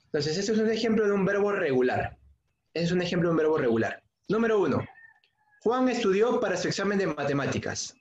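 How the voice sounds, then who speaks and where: A man's voice: sits high, very animated, brisk, a little hiss or hum. A man teaching an English grammar lesson in on an online class, patiently repeating key points and calling on students by name. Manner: asks students questions by name. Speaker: secondary school English teacher. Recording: dull, echoey room sound.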